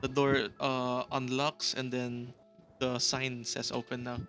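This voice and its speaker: A man playing in a tabletop game, talking in a relaxed, hesitant way with many fillers. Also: mid-range voice, slow pace, faint music behind. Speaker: player. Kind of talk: casual chat. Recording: noisy recording.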